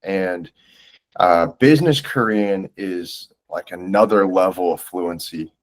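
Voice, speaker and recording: A deep-voiced American man in his twenties speaks slowly on a rough recording. As a podcast guest in a casual interview chat, he is earnest and reflective, with a loose style of talking that leans heavily on filler words.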